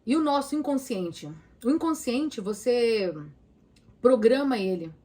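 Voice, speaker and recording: Emphatic Brazilian woman therapist, higher voice. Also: animated, a little slow, mellow. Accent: Brazilian Portuguese. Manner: emphatic, speaks straight to the listener with rhetorical questions. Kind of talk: casual talk to viewers about anxiety.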